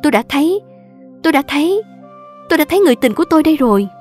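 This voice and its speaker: A woman voicing a shy young man in love who bursts out with giddy excitement. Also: on the high side, fast talker, soft background music, natural voice. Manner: excited exclaiming.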